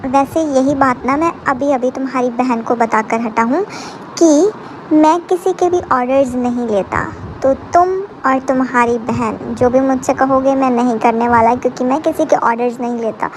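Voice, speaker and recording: A woman's voice: sits high, moderate pace, a little hiss or hum, close to an everyday voice, low-quality recording. A woman reading out the lines of a cocky, smug male villain with a mocking, self-assured manner.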